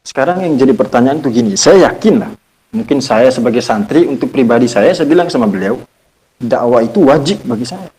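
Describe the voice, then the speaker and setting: The podcast guest, a young Islamic teacher, recounts something from his own life in a relaxed conversational way, earnest and reflective, regularly quoting himself. His voice is medium-pitched and a little mellow, with lively intonation at a fairly quick pace, over poor audio.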